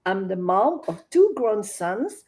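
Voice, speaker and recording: A woman's voice: mid-range voice, sing-song, takes it slowly, a little mellow. A middle-aged woman from Vietnam and France introducing herself on a live show in a friendly, casual way.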